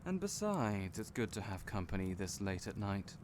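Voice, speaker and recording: A man with a lowish, very animated voice plays a friendly, teasing young innkeeper in a fantasy audio roleplay, talking straight to the listener at a normal pace. He's genial, chatty and playful as a storyteller, with noisy storm and crackling fire ambience behind him.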